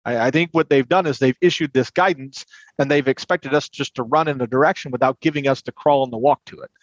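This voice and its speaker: As a podcast guest, a credit union compliance and recovery manager talks fast in a mid-range voice, earnestly explaining topics in a conversational manner like an expert interviewee. The audio sounds muffled and roomy.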